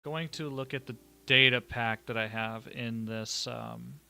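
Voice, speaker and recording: A man's voice: mid-range voice, steady tone, a little slow, creaky, pushed and bright, smooth. A man chatting casually on a voice call, rambling and restarting his sentences, with his mic cutting out and his volume jumping up and down. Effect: uneven volume, mic cutting out. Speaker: gamer on a voice call. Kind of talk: casual chat. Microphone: headset or desk mic on a voice call.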